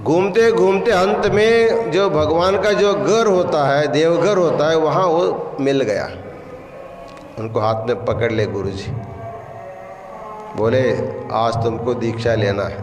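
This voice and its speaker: A man with a Marathi accent telling a religious story in a slow storytelling sermon. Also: fairly high pitch. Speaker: spiritual leader giving a discourse. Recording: echoey hall, faint noise.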